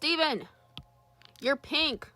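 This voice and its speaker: A woman's voice: high voice, very slow, sharp tone, faint music behind. A young woman chatting casually on a drawing livestream, reading chat aloud and greeting viewers. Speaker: streamer.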